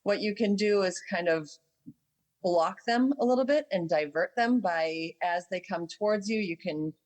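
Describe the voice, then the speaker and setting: A woman, a dog trainer, explaining calmly and patiently in a casual chat, with filler ums. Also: mid-range voice, normal speed, poor audio. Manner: patient, instructive, with acted dog voices.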